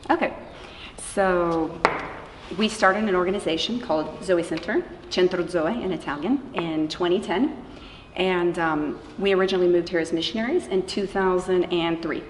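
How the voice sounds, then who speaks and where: Earnest and conversational, a woman whose voice sits on the low side talks at normal speed about her work. She is a missionary running an anti-trafficking organization, interviewed in an echoey room with faint noise.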